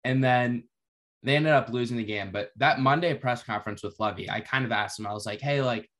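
A young man hosting a podcast, telling stories in relaxed, casual talk with the odd swear. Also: mid-range voice, fairly quick. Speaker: podcast host.

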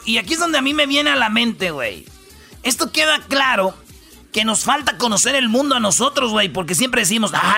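A man's voice: very high-pitched, gravelly, sharp tone. A man with a Mexican accent hosting a comedy radio show, telling stories in a rowdy, slangy, joking way. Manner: rowdy, joking, slangy storytelling with put-on voices.

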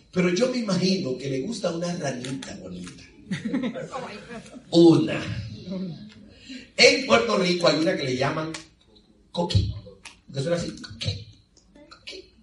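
Animated preacher guy, high voice, acts out the story, roomy far-off church sound. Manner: vivid, dramatic storytelling with humor. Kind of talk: sermon. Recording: echoey hall from far off.

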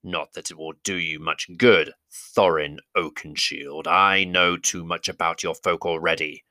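A monstrous goblin king with a cruel, commanding temper, as a man puts him on for a storybook reading. He stretches every word out slowly and sneeringly, and some asides come out as a hiss. The voice is deep, with a bright, forceful edge. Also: fairly even intonation, no room sound. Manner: slow, menacing, drawn-out delivery with hissed asides. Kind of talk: audiobook character voice.

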